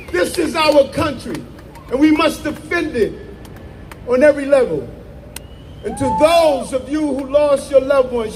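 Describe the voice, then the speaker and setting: Fervent high-voiced man, speechmaking. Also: a little hiss or hum. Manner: fervent, often shouting. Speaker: mayor giving a speech. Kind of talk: impassioned public speech.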